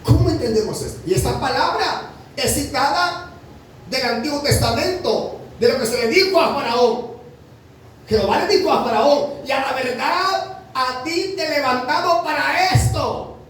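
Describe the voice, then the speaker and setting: High-voiced preacher in an echoey hall. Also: male voice, normal speed, a bit bright, far from the mic. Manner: emphatic, rhetorical questions, addresses listeners as brother. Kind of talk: sermon.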